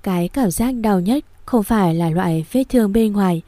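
A woman reads a first-person story aloud in an even, steady manner. Her voice is mellow and warm. The recording is dry and close, with no room echo. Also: mid-range voice, moderate pace. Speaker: audiobook narrator.

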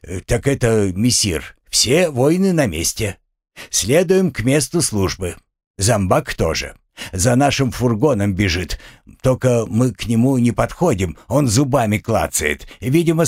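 A man's voice: fairly low pitch, breathy edge, dry recording, clean studio sound, heavily acted. A man voicing a timid, simple-minded male orderly who speaks deferentially and a little slyly. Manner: meek, servile, slightly sly.

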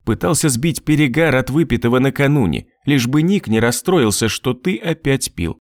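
A man's voice: mid-range voice, very animated, unhurried, a little mellow, no room sound, studio quality, voice pushed up. A man voicing a mocking, sinister male manipulator in an audiobook, with a sneering, taunting manner.

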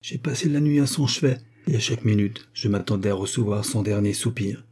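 A man's voice: on the low side, brisk, darkish tone, slightly rough. A man voicing a kindly, earnest young Orthodox priest.

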